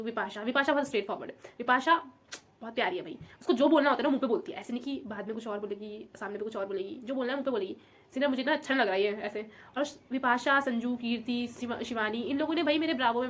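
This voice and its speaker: A young woman talks quickly in a casual vlog, her voice sitting a little high. She sounds emotional and affectionate, rambling from one thought to the next. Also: fairly bright tone, a little hiss or hum. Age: young adult. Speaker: vlogger.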